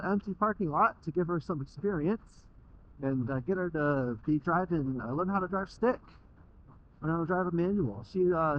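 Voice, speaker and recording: A young American man motovlogging from inside a motorcycle helmet, chatting casually and bluntly in informal, sweary language. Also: on the high side. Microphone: microphone inside the helmet. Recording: muffled, dull helmet mic.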